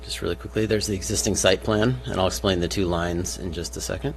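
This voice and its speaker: Guy with a deep voice doing a formal staff report at a meeting, methodical, bit of background hum. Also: steady tone, quick pace, creaky. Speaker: city planning staff presenter. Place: public meeting room. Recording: faint hiss and hum.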